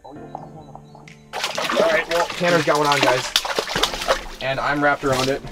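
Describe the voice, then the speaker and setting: Excitable young man, fairly high voice. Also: unhurried, loud music behind the voice. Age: young adult. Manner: excitable, slangy. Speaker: fishing vlogger. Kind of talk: casual vlog chat. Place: inside an ice fishing tent. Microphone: camera a short distance away. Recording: faint noise on camera audio.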